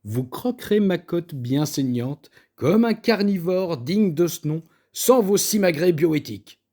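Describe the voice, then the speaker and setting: A man acting out a stubborn, grumpy meat lover who protests with gruff, exaggerated indignation. He sounds combative and theatrical, like a storybook hero quarrelling with everyone. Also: fairly high pitch, animated, unhurried, mellow. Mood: defiant.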